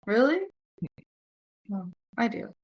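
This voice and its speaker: A woman's voice: on the high side, lively intonation, slow pace, a little mellow, slightly rough. A young woman hosting a podcast, chatting and telling stories in a rambling way, full of "like" and casual swearing. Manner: rambling, lots of "like", swears freely. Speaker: podcast host. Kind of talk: casual chat and storytelling.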